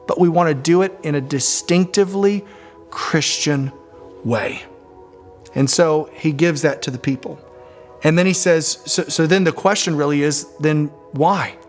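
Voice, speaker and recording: High-voiced animated preacher over soft music. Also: male voice, a little slow. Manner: animated preaching with call-and-response and laughter. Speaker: pastor. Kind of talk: sermon.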